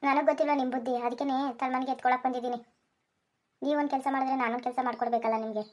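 A woman voicing a sharp-tongued village wife in a cartoon who scolds her husband. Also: sits high, steady tone, racing, natural voice. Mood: scolding. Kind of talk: Kannada cartoon voice acting.

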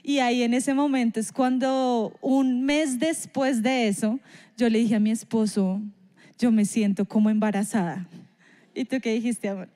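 Earnest higher-pitched woman sharing a testimony. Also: steady tone, mellow. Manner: earnest, reflective, unhurried. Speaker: church member sharing a testimony. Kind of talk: personal testimony in an interview.

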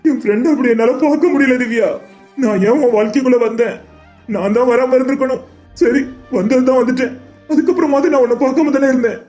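A man's voice: high voice, very fast, darkish tone, faint music behind, lightly acted. [name], a man voicing a grieving young friend. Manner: earnest, pleading, tearful monologue. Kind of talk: cartoon drama voice acting.

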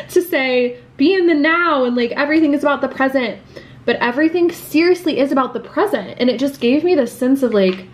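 A woman in her twenties chatting casually to camera in a bubbly, laughing vlog from her bright apartment. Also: mid-range voice. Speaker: lifestyle vlogger. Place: bright apartment room at home. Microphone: camera mic at arm's length or on desk.

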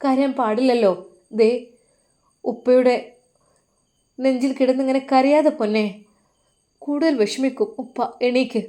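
A woman voicing a caring mother who gently scolds and coaxes her daughter. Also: sits high, fairly even intonation, a little slow, long pauses, voice pushed up. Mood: coaxing.

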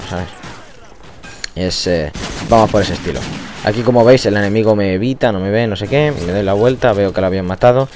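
A man with a Spain Spanish accent talks over his gameplay footage in a loose, rambling way, often restarting his sentences. His voice sits a little low. A faint hiss runs under the recording. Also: a little mellow. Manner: rambling, with frequent restarts and fillers. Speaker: gaming YouTuber. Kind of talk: casual gameplay commentary.

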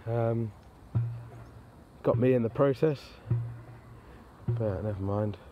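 A man with a medium-pitched voice talks slowly and casually to the camera in an understated way, presenting a fishing vlog from a lakeside bank. The lo-fi outdoor camera audio picks up faint music and clear ambient background noise.

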